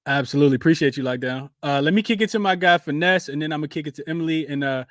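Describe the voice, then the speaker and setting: A man's voice: fairly high pitch, very fast, dry recording, studio quality. A man hosting a casual betting chat, using loose slang and handing the floor to guests. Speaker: host. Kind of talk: casual hosting of a live audio room.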